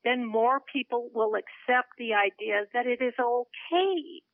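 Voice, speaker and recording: A woman's voice: a little high, a little slow, no echo. A woman in her seventies, a guest on a radio interview, speaking earnestly over the phone with small laughs between her points. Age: 70s. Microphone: telephone. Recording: narrow phone line.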